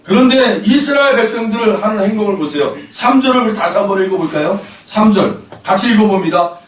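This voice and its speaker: A man's voice: sits high, animated, fast talker. A man preaching a sermon as pastor, speaking emphatically and calling out to the congregation again and again. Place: church sanctuary. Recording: roomy hall, voice from a distance.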